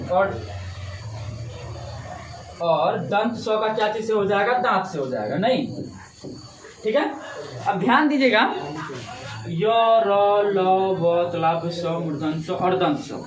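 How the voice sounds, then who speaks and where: A man's voice: sits high, lively intonation, takes it slowly, long pauses. Echoey male teacher quizzing himself. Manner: asks questions and answers them himself, repetitive. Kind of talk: classroom-style Hindi grammar lesson. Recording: echoey room with faint ambient noise.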